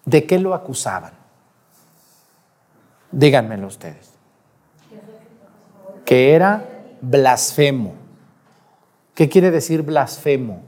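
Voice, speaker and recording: A man's voice: medium pitch, animated, slow pace, pauses often, darkish tone. A man speaking as a priest at Mass, reading scripture and preaching to a congregation, with a cathedral-like echo around his voice. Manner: addresses the congregation with rhetorical questions. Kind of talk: liturgical Gospel reading and homily. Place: large reverberant church. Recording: long cathedral-like echo of a large space.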